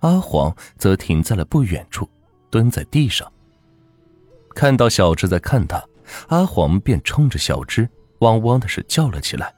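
A male storyteller narrating a folk ghost tale at a measured, steady pace, sinking low at tense moments. His voice sits low but moves with lively pitch. The recording is dry and close. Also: no echo. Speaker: storyteller host.

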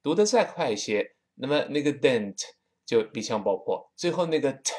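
Brief: man, Tianjin accent, English teacher, animated pitch, drills words slowly. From Tianjin, China. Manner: lively, slows down to drill pronunciation. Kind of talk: spoken English lesson.

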